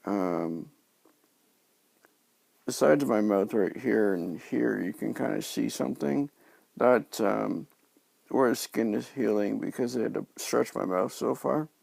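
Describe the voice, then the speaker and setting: A man talking in a casual video diary, halting and subdued as he recovers from oral surgery, his speech slightly impeded by new dentures and a sore mouth. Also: on the low side, vocal fry, a little mellow, no room sound. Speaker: vlogger sharing recovery from dental surgery.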